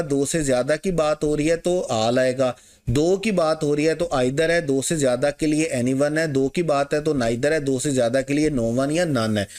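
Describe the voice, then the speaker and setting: A man's voice: fairly high pitch, a little mellow. A man teaching an exam-prep lesson. He poses questions to the class, answers them himself and mixes English terms into his Urdu.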